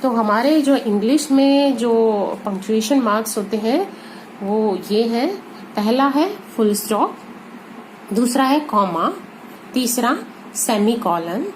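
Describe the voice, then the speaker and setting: Indian lady teacher, kinda high voice, goes over grammar slow and patient, faint hiss behind. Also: expressive, rough recording. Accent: Hindi. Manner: explains slowly and repeats key terms. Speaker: English teacher. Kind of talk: classroom lesson.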